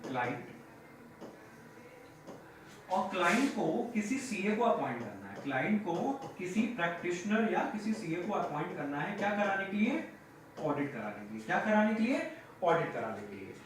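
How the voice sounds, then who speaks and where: A male teacher with a high, sing-song voice lectures at a moderate pace on audit terms, asking his class questions and then answering them himself. He's recorded from a distance in a very echoey room, with faint noise behind.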